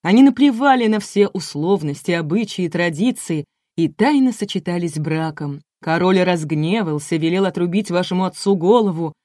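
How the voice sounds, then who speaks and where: Lady doing a syrupy smarmy tv host guy, gushy and flattering, slightly low. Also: moderate pace, hardly any pauses, no room sound, studio quality, natural voice. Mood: gushing, smarmy. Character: smarmy gushing male TV host. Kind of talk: audiobook reading.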